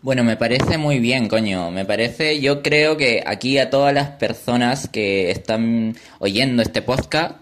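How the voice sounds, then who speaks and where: A man's voice: medium pitch, measured pace, hardly any pauses. A man hosting a casual podcast, joking and playful. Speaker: podcast host.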